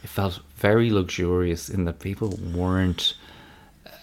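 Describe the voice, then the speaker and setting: A man's voice: sits low, steady tone, moderate pace, a little hiss or hum. An Irish man chatting casually as a podcast host. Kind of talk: casual chat.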